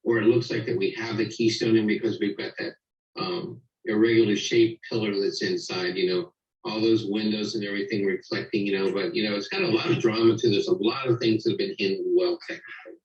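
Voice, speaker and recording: Guy giving a measured photo critique, kinda low voice, far from mic. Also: fairly even intonation. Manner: measured, with frequent "you know". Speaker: photo competition judge. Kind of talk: spoken critique. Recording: roomy, dull distant sound.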